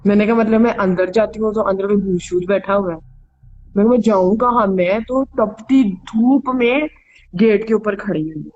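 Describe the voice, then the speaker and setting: This woman hosts a true ghost story show, sharing personal stories in a relaxed, chatty way with some English phrases mixed in. She speaks at normal speed in a medium, darkish voice. The dull, band-limited audio has music under it and a little hiss or hum.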